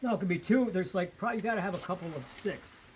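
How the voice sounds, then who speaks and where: A man speaks in a thin, reedy, somewhat squeaky voice that sits a bit high. He explains things off the cuff like a hobbyist, rambling and pausing as he thinks aloud. There is noticeable noise in the recording. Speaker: vintage chainsaw hobbyist explaining features. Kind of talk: casual, unscripted explaining and chat.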